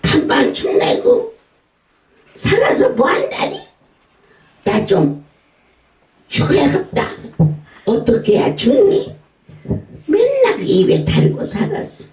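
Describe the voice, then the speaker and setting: A man voicing a feisty, stubborn old grandmother with a high, shrill voice, during a sermon. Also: huge pitch swings, takes it slowly, pauses often, a little mellow, exaggerated voice. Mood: grumbling. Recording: echoey room, voice from far off.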